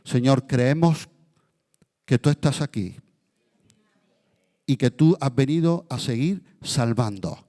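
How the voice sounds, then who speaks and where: A man leading a congregation in prayer as pastor, moving between fervent, rising declarations and hushed, slow guided prayer. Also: on the high side, in a large hall. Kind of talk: sermon prayer. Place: church.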